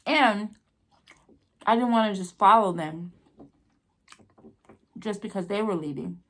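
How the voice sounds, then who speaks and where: An American woman telling a casual, rambling personal story with halting pauses, talking between bites with her mouth sometimes full. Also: mid-range voice, a bit bright. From New Mexico, United States. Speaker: vlogger telling a personal story while eating.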